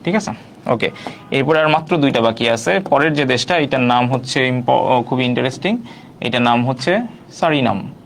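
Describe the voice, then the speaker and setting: A man's voice: medium pitch, moderate pace, a little hiss or hum. A man teaching an online quiz class, repeating each question and prompting viewers to answer.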